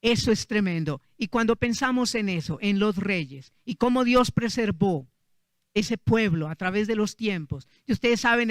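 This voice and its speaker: Un hombre que predica en una enseñanza dominical y cuenta una historia bíblica de forma animada, dirigiéndose a los hermanos. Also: male voice, sits high, clean tone, dry recording. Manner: lively, addresses congregation as brothers. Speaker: preacher. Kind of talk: Sunday sermon, storytelling.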